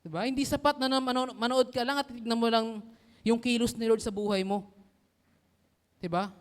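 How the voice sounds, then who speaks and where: High-voiced young man preaching in a reverberant hall. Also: fairly even intonation, moderate pace. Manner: casual, playful, asks audience "di ba?" often. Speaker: youth preacher. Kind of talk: lively youth sermon.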